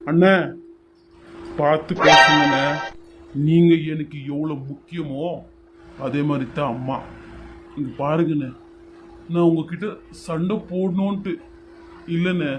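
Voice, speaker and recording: A man's voice: fairly high pitch, steady tone, measured pace, pauses often, mellow, faint music behind, close to an everyday voice. A man voicing an earnest younger brother who pleads for family peace and tacks "brother" onto every line, in a homemade serial drama. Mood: pleading.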